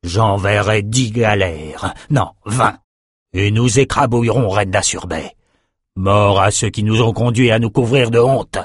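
A man's voice: fairly low pitch, measured pace, breathy edge, dry recording, studio quality. A man reading an audiobook, voicing a furious raider king who roars threats at his captains. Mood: wrathful. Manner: roaring, menacing. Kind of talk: audiobook character voice.

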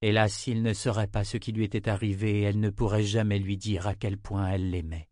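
Male audiobook narrator, low-ish voice, measured delivery, dry close mic. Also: little pitch movement, dark tone, no echo.

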